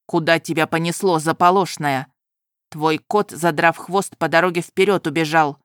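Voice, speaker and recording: A woman's voice: steady tone, moderate pace, no room sound, studio quality, natural voice. Woman doing a stern young nobleman. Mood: scolding. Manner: scolding, lowered gruff voice. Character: stern young male nobleman, scolding fiancé.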